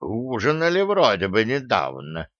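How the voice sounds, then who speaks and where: A man's voice: fairly low pitch, wildly swooping pitch, a little slow, fairly bright tone, dry recording, muffled recording, exaggerated voice. A man voicing a cheeky female gnome hologram, the ship's program, talking in a gleeful, gossipy way.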